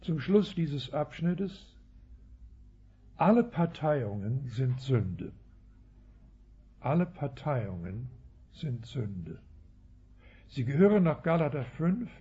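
Dark-toned and slightly rough, this man's medium voice comes through a muffled recording. Preaching an expository sermon as a Bible teacher, he keeps adding "ja" to his sentences and correcting himself often.

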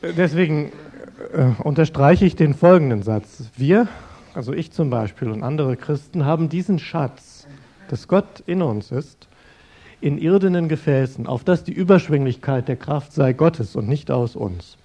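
A middle-aged man gives a sermon-style talk, preaching earnestly and conversationally while speaking straight to his listeners. His mellow, warm voice sits a little high and comes across animated yet a bit slow. The recording is slightly dull and lo-fi.

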